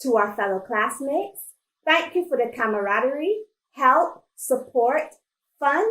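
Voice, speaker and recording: A woman's voice: high voice, expressive, a little slow, fairly bright tone, roomy sound, low-quality recording. A woman from Barbados, the graduating class speaker, reading a formal speech of thanks.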